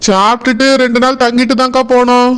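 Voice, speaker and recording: A woman's voice: on the high side, level tone, fast talker, a bit bright, smooth, voice pushed down, close to an everyday voice. A woman voicing a kindly younger brother with a Tirunelveli Tamil accent, in a cartoon. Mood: coaxing.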